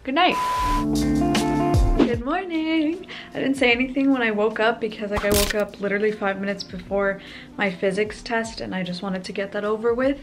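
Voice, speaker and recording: A woman's voice: mid-range voice, fairly even intonation, normal speed, over music. A young woman talking casually to her camera at home in a chatty, upbeat vlog, with lots of "like" fillers. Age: young adult. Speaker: vlogger.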